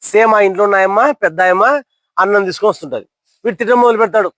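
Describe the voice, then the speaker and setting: Fast, high-voiced man telling a story. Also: fairly bright tone, dry recording. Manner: asks listeners questions, acts out characters' lines. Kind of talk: motivational storytelling to an audience.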